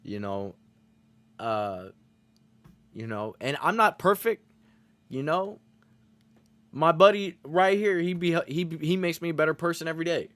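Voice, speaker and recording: A man's voice: fairly high pitch, expressive, measured pace, pauses often, a bit bright, no echo. A man streaming to his chat, rambling and self-reflective in casual motivational talk, full of fillers and frequent swearing.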